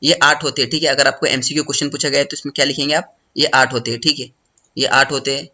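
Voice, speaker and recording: A man teaching a study lesson, talking fast and repeating a check-in phrase after each point. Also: mid-range voice, fairly even intonation, pushed and bright. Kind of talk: study lesson explaining notes.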